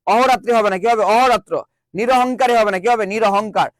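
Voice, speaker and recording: A man's voice: sits high, fast talker, a bit bright, no echo. A man teaching an online grammar class, drilling students with call-and-response and repeating each question. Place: virtual classroom.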